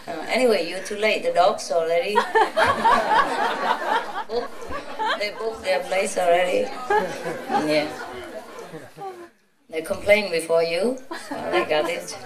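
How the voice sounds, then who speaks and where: A woman's voice: mid-range voice, very animated, slow, pauses often, a loud crowd. A woman spiritual teacher giving an informal, chatty talk to a gathering, teasing and laughing often. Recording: roomy, from a distance.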